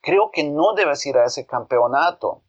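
A soft, hesitant mother in a children's Bible story, gently scolding yet giving way, as a man puts her on. Her voice sits a little above the teller's own, and the recording is dull and lo-fi. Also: fairly high pitch, lively intonation, unhurried, pitched above the performer's own voice. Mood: gentle.

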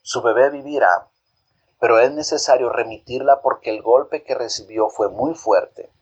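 A man voicing a calm village doctor who speaks in a measured, reassuring way. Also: mid-range voice, husky, close to an everyday voice.

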